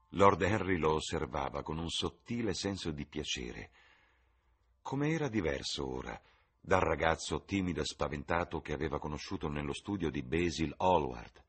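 Deep husky male audiobook narrator. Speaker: audiobook reader.

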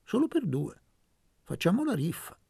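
A man's voice: sits high, sing-song, normal speed, creaky, darkish tone, slightly rough, no echo, studio quality, pitched above the performer's own voice, full character voice. A man voicing a playful young man who clowns and pleads, in an audiobook reading.

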